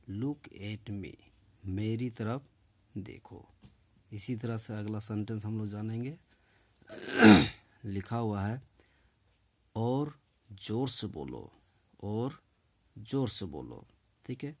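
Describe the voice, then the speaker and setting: Slow, low-voiced man teaching English. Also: creaky, a little mellow. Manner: slow, deliberate dictation that repeats each phrase; often checks in with "okay". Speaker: English teacher and channel host. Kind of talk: spoken English lesson.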